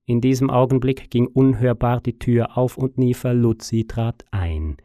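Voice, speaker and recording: A man narrating a story as an audiobook in an even, measured way. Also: medium pitch, no echo, studio quality.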